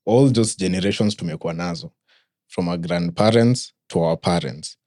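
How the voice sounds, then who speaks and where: A man's voice: sits low, moderate pace, dark tone, no echo, clean studio sound. A man with a Kenyan accent moderating a casual panel talk, switching between English and Swahili. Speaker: podcast host and moderator.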